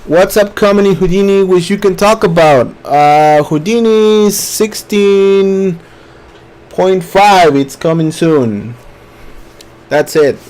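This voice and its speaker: A man hosts a laid-back live stream Q&A, reading chat questions out and answering them in an easygoing, unhurried way. His voice sits a little high for a man, and he takes his time over his words, with plenty of fillers. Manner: relaxed, reads chat questions aloud, many fillers. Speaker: webinar host.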